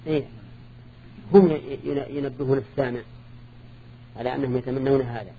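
A man's voice: medium pitch, fairly even intonation, fairly quick. A man teaching a grammar lesson, explaining step by step and asking his students short questions. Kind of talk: classroom lesson. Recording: dull lo-fi recording with faint hum.

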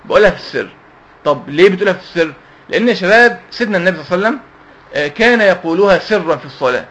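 Egyptian male teacher of a youth Quran class, quick-fire, raised pitch, asks and answers his own questions. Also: expressive, fairly bright tone, muffled recording. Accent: Egyptian Arabic. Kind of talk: religious lesson to youth.

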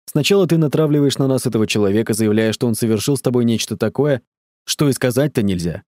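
Male reader as an annoyed audiobook father, stern and sarcastic, dark voice, dry close mic. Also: medium pitch, expressive, fast talker, no echo, natural voice. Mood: irritated. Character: irritated middle-aged father, stern and sarcastic.

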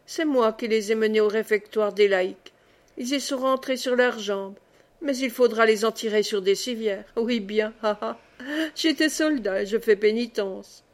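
A woman's voice: fairly high pitch, normal speed, lightly acted. A woman reading as a jolly rambling old-soldier monk. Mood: jovial. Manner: chuckling, rambling storyteller. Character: jovial talkative male lay brother, former soldier.

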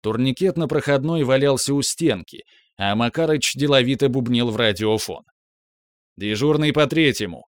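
A man reading a novel aloud in the first person, with steady, measured storytelling. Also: mid-range voice, dry recording, clean studio sound. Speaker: audiobook narrator. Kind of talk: first-person audiobook narration.

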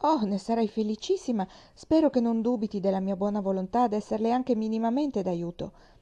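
A woman reading the part of Anne Elliot, a reserved young woman who speaks in an earnest, measured way. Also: on the high side, dark tone, natural voice.

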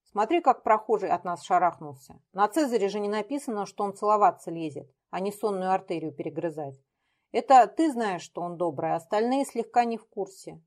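A woman reading aloud and voicing a man who shouts harsh, furious commands and threats. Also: mid-range voice, expressive, a little fast, lightly acted. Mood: teasing.

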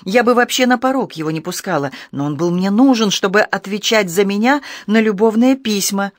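A man voicing a proud, venomous young female courtesan who lashes out in shrill, scornful outbursts. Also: fairly quick, dry recording, studio quality, close to an everyday voice. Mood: contemptuous.

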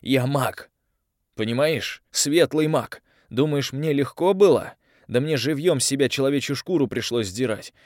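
A man's voice: medium pitch, normal speed, dry recording, clean studio sound, pitched above the performer's own voice, lightly acted. A male audiobook reader voicing an irritable, aggressive young man who works as a magic operative. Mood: heated. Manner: aggressive, exasperated.

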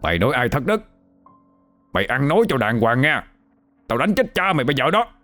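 A man's voice: mid-range voice, very animated, brisk, fairly bright tone, soft background music, voice pushed up. A man with a Southern Vietnamese accent voicing a drunken, violent village husband who snarls threats.

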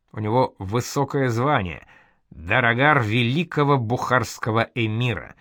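A man reading an audiobook voices an experienced caravan leader who explains things slowly and calmly. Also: medium pitch, no room sound, studio quality. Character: older male caravan leader, calm and knowing.

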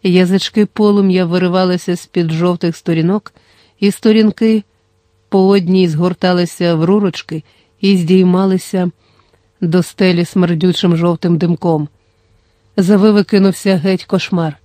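A reader narrating an audiobook in a steady, measured storytelling manner. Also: mid-range voice, dry recording.

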